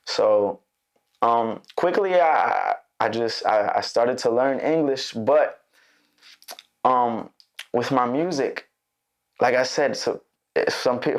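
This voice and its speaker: A young musician, born in Mexico and raised in Chicago, chats loosely as a guest in a studio interview. He's relaxed and rambling, full of fillers and restarts, speaking slowly at medium pitch.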